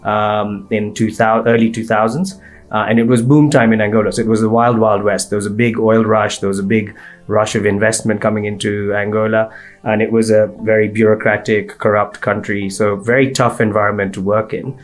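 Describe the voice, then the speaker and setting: A man's voice: fairly low pitch, little pitch movement, fairly quick, faint music behind. A man in his forties from Kenya, a podcast guest telling his career story fluently. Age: 40s. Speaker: guest, recruitment firm partner. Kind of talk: interview.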